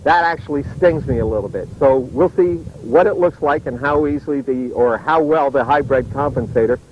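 A man's voice: medium pitch, normal speed. A middle-aged man giving a casual, wry firearms demonstration to camera as a gun writer, rambling like an enthusiast and heavy with jargon. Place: outdoor shooting range. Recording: dull, noisy outdoor video sound.

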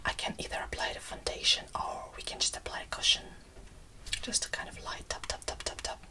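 Young woman whispering fast ASMR role-play. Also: bright, forceful tone, recorded from a distance. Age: young adult. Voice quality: breathy whisper. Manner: brisk, repetitive fast ASMR delivery, attentive. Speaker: ASMR performer playing a make-up artist. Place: small indoor room.

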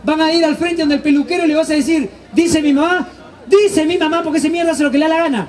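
A man putting on the voice of a short, fierce, bossy mother who scolds her sons. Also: fast talker. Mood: commanding. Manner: shrill exasperated scolding.

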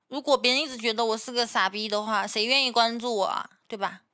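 A young woman with a high, bright voice chats casually to her livestream viewers at a close mic. Her speech is a little impeded by a swollen face, so it can come out halting. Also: fairly even intonation. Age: young adult. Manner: slow, halting speech for now. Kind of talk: casual chat with live viewers. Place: small indoor streaming room. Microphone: close condenser mic on boom arm.

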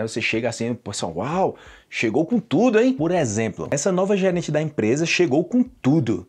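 A man's voice: fairly high pitch, breathy edge. A young Brazilian man teaching Portuguese phrases, acting out the examples as he explains them. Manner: lively, acts out example phrases with shifting voices. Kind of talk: language lesson, explaining phrases.

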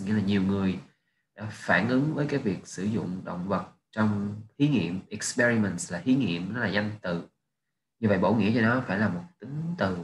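Guy going over exam answers, lowish voice, roomy echo. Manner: explains each answer methodically, mixing in English phrases. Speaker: English teacher. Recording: echoey room with faint noise.

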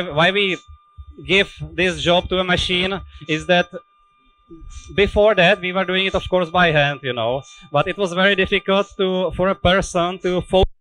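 A man's voice: sits high, sharp tone, poor audio. A man in his thirties, a native Czech speaker talking in English, explaining guitar making on a factory tour through a headset mic, with many restarts and fillers. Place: indoor guitar workshop.

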